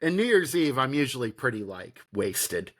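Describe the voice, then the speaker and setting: A man co-hosting a comedy podcast, reacting in a halting way and laughing often. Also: mid-range voice, big pitch swings, a bit bright, dry recording, clean studio sound. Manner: halting, lots of fillers and restarts, laughs easily. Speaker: podcast co-host. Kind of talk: casual comedic chat.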